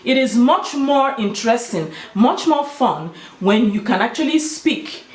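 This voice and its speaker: A woman's voice: a little high, lively intonation, a little slow. A woman with a Nigerian Igbo accent talking casually and emphatically to her viewers, giving her opinions. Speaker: video host. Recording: roomy, echoing sound.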